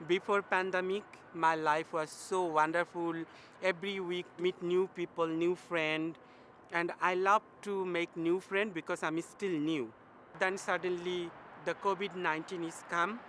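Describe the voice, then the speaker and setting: A woman's voice: lowish voice, steady tone, a little slow, fairly bright tone, slight background noise. A woman from Bangladesh, speaking simple broken English in a documentary interview, earnest and direct. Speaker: volunteer.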